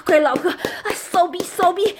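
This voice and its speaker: A woman's voice: very high-pitched, a little slow. A woman playing a bossy possessive older schoolmate. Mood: domineering. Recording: noisy recording with clicks.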